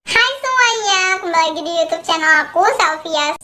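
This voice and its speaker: A woman's voice run through a chipmunk effect, pushed up into a very high squeak. She rattles off a bright vlog-style greeting while loud music plays underneath. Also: animated, normal speed. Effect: pitched-up chipmunk voice effect. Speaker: YouTube creator.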